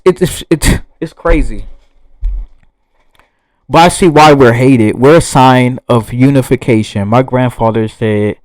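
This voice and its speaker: A man's voice: medium pitch, dry recording, rough recording. A young man with a Southern US accent, talking bluntly and profanely to camera in a rambling monologue. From Southern United States. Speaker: vlogger.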